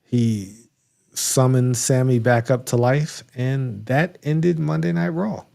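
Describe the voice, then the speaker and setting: A man with a mellow, warm voice co-hosts a casual podcast and walks through wrestling results in a loose, rambling way. He restarts sentences often and breaks into small laughs, sounding slightly hiccupy. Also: medium pitch, fairly even intonation, slow pace, creaky. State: has the hiccups. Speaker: podcast co-host. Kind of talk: casual wrestling recap chat.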